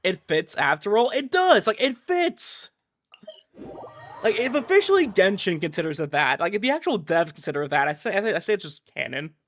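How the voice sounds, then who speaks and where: A man talks casually to his stream viewers, rambling from topic to topic over background music. He sits high in pitch with big swings, a fairly bright tone, and a slightly fast pace, and there's a touch of background noise.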